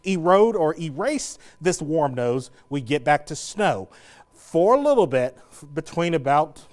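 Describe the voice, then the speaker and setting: A man's voice: fairly high pitch, sing-song, unhurried. A man, a TV meteorologist giving a live weather forecast in a chatty, joking way, slightly out of breath. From Southern Indiana. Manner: chatty, jokey, laughs between points.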